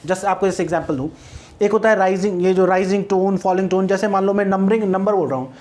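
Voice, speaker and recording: A man's voice: high voice, darkish tone. A male teacher with an Indian English accent, giving an exam-prep phonetics lecture in Hindi mixed with English, explaining patiently and often checking that students follow.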